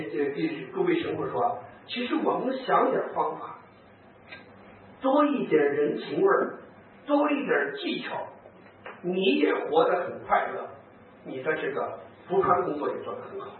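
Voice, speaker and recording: Animated priest, distant echoey hall. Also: male voice, a little high, phone-quality sound, slight background noise. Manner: animated storyteller, acts out quoted speech, chuckles. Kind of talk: lively talk with anecdotes to priests and nuns.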